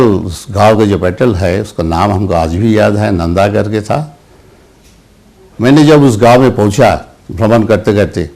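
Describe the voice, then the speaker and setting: An older man, a senior journalist, answering interview questions slowly, with pauses, restarts and repeated words. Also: on the low side, gravelly, darkish tone. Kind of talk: interview answers, recalled anecdotes.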